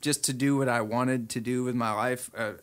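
A man's voice: mid-range voice, steady tone, normal speed. Easygoing young man chatting. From Kentucky, USA. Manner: easygoing, self-deprecating, many uh fillers. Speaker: musician guest. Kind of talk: casual chat.

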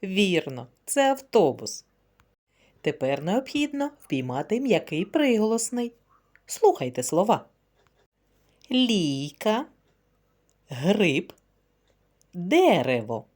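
A woman's voice: mid-range voice, sing-song, takes it slowly, pauses often, a little mellow. A woman kindergarten teacher leading a phonics word game for young children, speaking in a sing-song, encouraging way.

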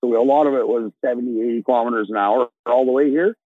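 A man's voice: medium pitch, fast talker, no echo. A man in his sixties from Alberta, a trucker talking casually over a video call from inside his truck cab, plain-spoken and rambling with restarts. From Alberta, Canada. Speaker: trucker guest. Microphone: earbuds on a video call. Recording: dry, tinny video call audio.

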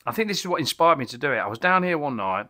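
Rapid-fire and sharp in tone, this middle-aged man's sing-song voice sits on the high side as he reviews beer in a casual vlog. He's indoors in a small home bar cabin with bottle shelves, rambling enthusiastically with many restarts and exclamations.

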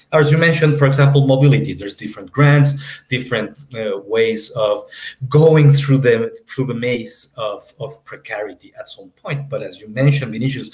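This is a panel moderator in his 30s, originally from Mexico with Spanish as his first language, speaking English in an academic discussion. His mid-pitched voice has a darkish tone, and he rambles with frequent fillers like "you know." He's in a home room, and the video call audio is echoey and roomy.

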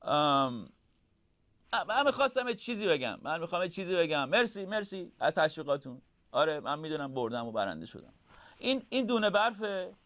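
A young owl big brother, played by a man reading a storybook, stammers and stumbles in a raised, fast-running voice. He is flustered and competitive. The pitch jumps around a lot. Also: very animated, fairly bright tone. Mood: sheepish.

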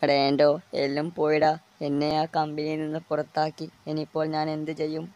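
A man's voice: on the high side, completely flat delivery, brisk, darkish tone, clean tone, natural voice. A young man voicing a desperate young worker who has just lost his job, in an amateur dub of a game short film. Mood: dejected. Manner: pleading, close to tears.

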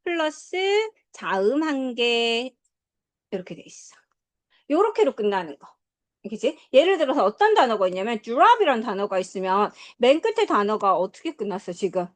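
A woman teaching English to a class, drilling pronunciation and quizzing her students in a lively, coaxing way. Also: on the high side, normal speed. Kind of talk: classroom lesson.

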